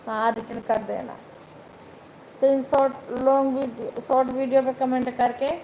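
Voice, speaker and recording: A woman's voice: high voice, little pitch movement, normal speed, dark tone, slight background noise, poor audio. A young woman with an Awadhi accent hosting a phone live stream, chatting casually and speaking straight to her viewers by name.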